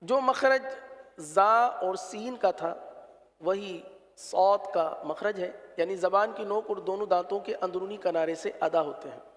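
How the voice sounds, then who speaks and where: Guy teaching quran letters, kinda high voice, slow and patient, drags out each sound, lots of echo. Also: a bit bright, a little hiss or hum. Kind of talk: slow pronunciation lesson.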